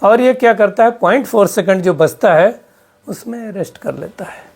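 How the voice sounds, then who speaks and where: A man's voice: high voice, normal speed, a little mellow. A man giving a spiritual health talk to a live audience, asking them question after question and mixing English terms into his speech. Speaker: spiritual teacher.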